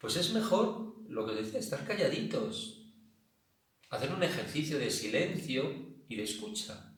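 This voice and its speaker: A man's voice: a little high, big pitch swings, normal speed. A man with an accent from Spain leads a class for older people in a loose, conversational way, circling back to repeat his points. He sounds a little distant from the microphone. Strong room echo hangs around every word. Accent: Spanish from Spain. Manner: chatty, repeats himself, acts out loud shouting. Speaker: senior exercise instructor. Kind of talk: casual spoken talk to an online class. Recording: very echoey room, voice a bit far from the mic.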